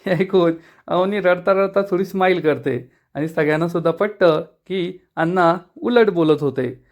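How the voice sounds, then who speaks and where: A man's voice: sits high, normal speed. A man with a Marathi accent, retelling a TV serial episode as a reviewer and reading out the characters' lines. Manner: storytelling, reading out dialogue of the characters.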